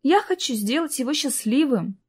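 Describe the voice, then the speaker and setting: A woman's voice: on the high side, sing-song, fairly quick. A woman reading as a lovelorn young woman. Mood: hesitant. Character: young woman in love, earnest and hesitant.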